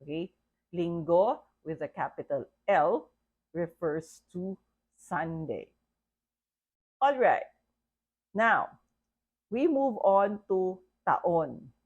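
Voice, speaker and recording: A woman leads a language lesson at a very slow, careful pace, checking in with her listeners again and again. Her voice sits slightly low, and the recording sounds a little dull and muffled. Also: lively intonation, slightly rough. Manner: patient, repeats words and checks in with "okay?". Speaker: language teacher.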